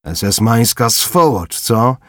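A man voicing a coarse Red Army corporal who mocks and barks orders in a husky voice. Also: sits low, sing-song, measured pace, no room sound, studio quality, heavily acted. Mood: barking. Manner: crude, mocking, barking.

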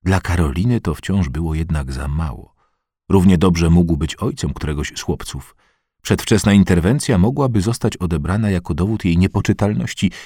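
A man narrating an audiobook in a measured, expressive reading voice on a close studio mic. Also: low voice, slightly rough, no room sound. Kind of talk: scripted narration.

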